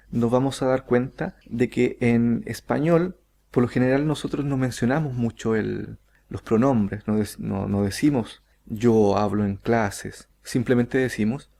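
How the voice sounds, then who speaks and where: A man teaching English grammar, explaining slowly and carefully and stretching out each English example sentence. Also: medium pitch, gravelly, a little mellow. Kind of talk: recorded grammar lesson.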